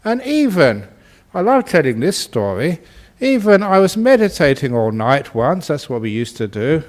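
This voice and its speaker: A man who is a Buddhist monk, giving a dharma talk and telling anecdotes in an unhurried way with gentle humour. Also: on the high side, very animated.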